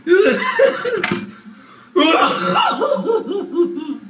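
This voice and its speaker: With an extremely high voice, big pitch swings and drawn-out words, a man films on a handheld phone at an indoor metal sink, improvising theatrically with swearing and melodramatic reactions. He's far from the mic, and there's background noise.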